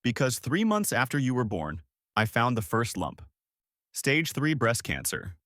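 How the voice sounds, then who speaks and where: A man's voice: medium pitch, very animated, measured pace, fairly bright tone, no room sound, clean studio sound. A man voicing a frail dying mother who pleads through tears, in a storybook reading. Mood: desperate. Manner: pleading, breaking with emotion. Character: dying young mother, weak and tearful.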